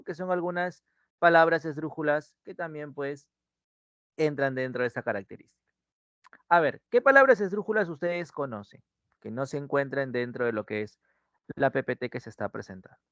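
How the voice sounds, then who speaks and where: Upbeat Peruvian teacher, dull dry sound. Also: male voice, on the high side, clean tone, no echo. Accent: Peruvian Spanish. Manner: drawn-out teacher's delivery, checks in with "¿no?" and "ujú". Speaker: language teacher. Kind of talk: online class lesson. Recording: dull muffled sound, dry close mic.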